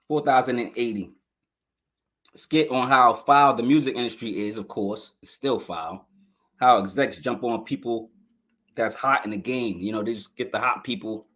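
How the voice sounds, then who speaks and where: At a moderate pace, a man with a mid-range, slightly bright voice hosts a podcast album review, talking directly to viewers in hyped, slangy, casual fashion. His throat sounds scratchy this morning, and he's on a live stream podcast mic.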